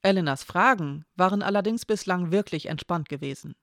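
A calm reader narrating a novel aloud, giving the dialogue only light shading. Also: mid-range voice, brisk, no echo, clean studio sound. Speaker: audiobook narrator.

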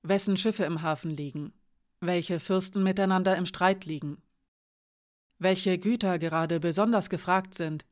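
A composed woman spy speaks in a soft, low, steady voice, read by a female narrator. Her tone stays calm and earnest. This is a quiet audiobook role. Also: measured pace, natural voice.

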